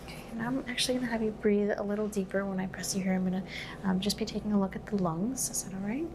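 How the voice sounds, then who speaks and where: Soft-spoken woman giving ASMR exam, creaky voice. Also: medium pitch, fast talker, background noise. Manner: calm, gently instructing, explaining each step. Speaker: medical examiner giving a physical exam.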